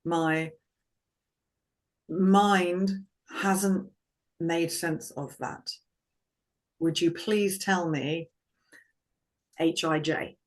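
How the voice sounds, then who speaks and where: A woman who coaches vocal confidence appears as a guest in a conversational interview. Her voice is low, slow, and calm, her manner measured and reflective.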